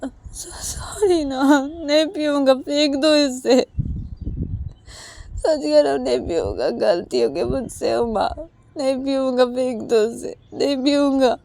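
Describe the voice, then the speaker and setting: A woman's voice: sits high, slow, gravelly, pauses often, dark tone, pitched above the performer's own voice, exaggerated voice. A woman voicing a tearful young lover, sobbing and pleading over and over for forgiveness. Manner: sobbing, pleading, repeating apologies.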